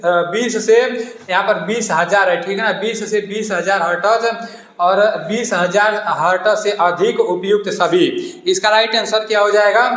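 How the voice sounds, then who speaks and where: A man's voice: sits high, fairly bright tone, roomy sound. A man coaching exam students through a quiz, repeating each question and giving the answer. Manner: repetitive, asks each question twice and answers it.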